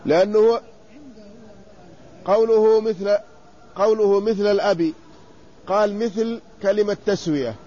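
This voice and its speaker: A man teaching a classroom lesson, stretching out word forms slowly and quizzing his students. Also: sits high, dark tone. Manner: drawn-out repetition of word forms, questioning students. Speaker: sheikh teaching inheritance law. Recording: muffled lo-fi lecture recording with faint noise.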